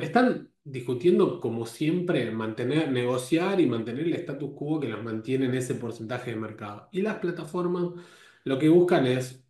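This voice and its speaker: A man's voice: medium pitch, darkish tone. A man giving a live lecture to a course, often restarting his phrases and checking in with his listeners. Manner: stumbling restarts with tag questions. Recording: roomy echo.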